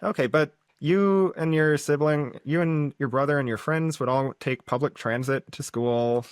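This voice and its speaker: A man's voice: on the high side, fairly even intonation, moderate pace, clear, resonant tone, no room sound. A man hosts a podcast in a chatty, casual way, often restarting mid-sentence as he thinks aloud. His voice sits close and dry on the microphone. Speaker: podcast host. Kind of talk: casual conversation.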